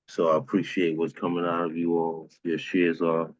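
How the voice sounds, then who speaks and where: A man's voice: low voice, a little slow, dry recording. A man hosting an open mic poetry show, hyping the poets and bringing up the next reader in a casual, encouraging way, on dull lo-fi audio. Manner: warm, encouraging, hypes the poets.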